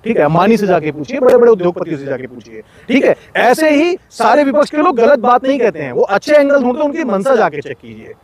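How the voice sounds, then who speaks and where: Fired-up activist guy, pretty high voice, keeps repeating lines, busy crowd all around. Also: very animated, fast, hardly any pauses. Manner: impassioned, lecturing, repeats phrases for emphasis. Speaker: interviewee, social activist. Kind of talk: street interview. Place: outdoors in a crowded public place.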